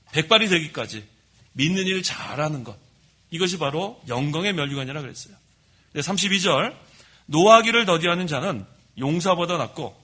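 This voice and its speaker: A middle-aged man preaching a sermon from the pulpit of a church, telling stories about himself in a lively way. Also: high voice. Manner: lively storytelling, admits his own faults. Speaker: pastor. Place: church sanctuary.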